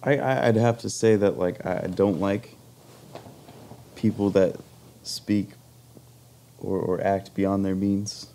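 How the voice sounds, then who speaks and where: A young man with a Southern accent co-hosts a casual comedy podcast, talking haltingly and leaning on "like." His voice is low, gravelly and mellow, with a faint hiss of noise behind it. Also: steady tone. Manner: hesitant, repeats words, says "like" often. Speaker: podcast co-host.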